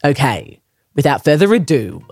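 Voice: mid-range voice, sing-song, normal speed, darkish tone, slightly rough, no echo, soft background music. A podcast host reading an intro and chatting with a guest in an upbeat, enthusiastic way. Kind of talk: scripted intro and casual interview.

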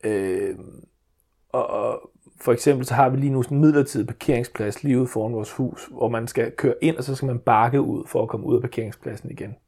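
A man's voice: medium pitch, darkish tone, breathy edge. A man, telling a story as a father in casual chat, rambling with many restarts and fillers.

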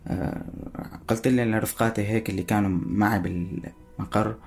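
A man with a Syrian Arabic accent giving personal spoken testimony in a halting way, searching for words. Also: fairly low pitch, fairly even intonation, creaky, faint music behind.

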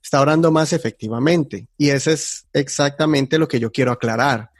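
A man on a faith talk show with a middle-pitched voice. He explains his ideas reflectively, setting one example against another. The sound is close and dry. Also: normal speed, dry recording.

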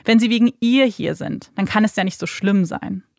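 A nervous mother, as a woman narrator puts her on, half joking to cover her worry. Her voice carries a gravelly edge, recorded close and dry. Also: mid-range voice, normal speed, dry recording, lightly acted. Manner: nervous, joking to ease tension. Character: anxious mother, a popular school parent.

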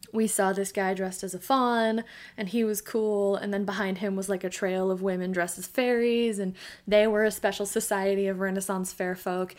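A woman in her thirties co-hosting a podcast, telling a story in casual chat, laughing often and acting out quotes. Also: medium pitch. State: hiccups. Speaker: podcast co-host.

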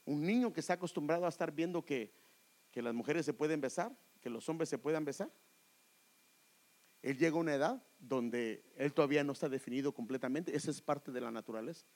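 A man's voice: a little high, fairly quick, darkish tone. A man preaching a sermon, acting out voices and calling listeners brother. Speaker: pastor.

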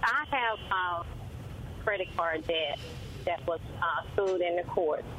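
A woman's voice: lowish voice, takes it slowly, a bit bright, a little hiss or hum. A woman calling in over a phone line to a radio show. She speaks hesitantly and halts with many fillers. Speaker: caller. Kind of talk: call-in radio chat.

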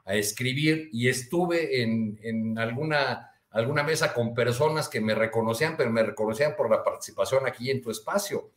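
A man with a Mexican Spanish accent, a columnist guest chatting casually and haltingly, with many restarts and fillers. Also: mid-range voice, echoey room. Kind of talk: casual chat.

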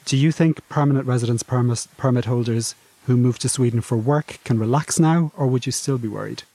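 A man's voice: mid-range voice, a little fast, mellow. A man asking conversational follow-up questions as an interviewer.

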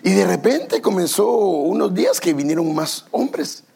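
Lively gravelly-voiced pastor preaching. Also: male voice, high voice, unhurried. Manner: self-deprecating, animated storytelling, asks the congregation questions. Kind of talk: sermon with personal anecdotes. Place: church service.

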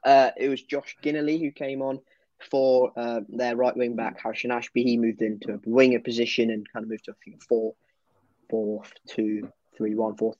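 A man co-hosts a football podcast and talks through a match review in relaxed chat. He hesitates a lot and restarts his sentences. The sound is dull and very dry, as if captured close in a small, deadened room. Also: medium pitch, moderate pace, no echo. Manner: hesitant, lots of fillers and restarts.

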